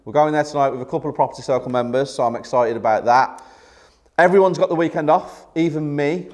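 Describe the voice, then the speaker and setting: A man's voice: fairly high pitch, quick pace, a little mellow. Young uk guy vlogging from his office, upbeat and direct, chatty with viewers. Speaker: property developer and vlog host. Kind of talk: casual vlog to camera. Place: office headquarters, indoors.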